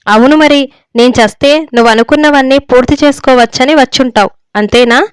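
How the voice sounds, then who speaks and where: A woman's voice: high-pitched, a little fast, clean tone, no room sound, close to an everyday voice. Furious domineering old father, as a woman reads him. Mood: angry. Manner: shouting, harsh and scolding. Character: stern, domineering older father, quick to rage. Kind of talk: storybook reading.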